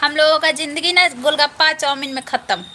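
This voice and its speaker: A woman's voice: sits high, steady tone, brisk, pushed and bright, slight background noise. A woman hosting a casual live stream from home on a phone camera, chatting and thanking viewers one by one.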